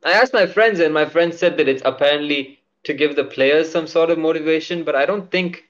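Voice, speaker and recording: A young man with a slightly high voice chats fairly quickly on a podcast, rambling casually with plenty of fillers and frequent swearing. The audio sounds dull and lo-fi.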